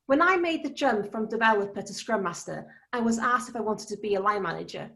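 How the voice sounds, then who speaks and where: A woman's voice: mid-range voice, animated, fairly quick, vocal fry, a bit bright. Welsh woman giving an earnest talk. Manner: earnest, persuasive. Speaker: conference speaker. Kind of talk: prepared conference talk.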